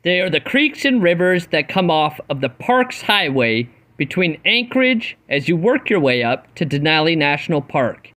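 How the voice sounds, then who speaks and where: A man's voice: fairly high pitch, very animated, moderate pace, few pauses, a bit bright. A man reading an upbeat voice-over that recommends places and tackle to viewers. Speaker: fishing vlogger. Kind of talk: scripted voice-over narration.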